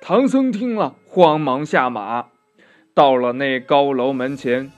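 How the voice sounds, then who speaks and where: A man narrating a children's story in a slow, expressive telling style. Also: mid-range voice, soft background music. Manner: slow, expressive, drawn-out "呀" endings.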